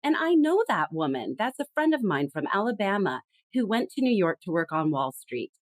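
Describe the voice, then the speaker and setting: A woman's voice: medium pitch, normal speed, dry recording, poor audio. A woman guest on a podcast interview, talking emphatically and expressively about communication. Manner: emphatic, expressive, lively storytelling. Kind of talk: conversational interview.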